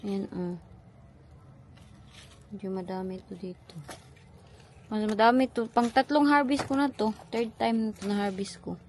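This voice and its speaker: A mother vlogging casually, chatting in a relaxed, easygoing way. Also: medium pitch, normal speed, pauses often, a little hiss or hum. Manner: relaxed, chatty, code-switching. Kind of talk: casual family vlog chat.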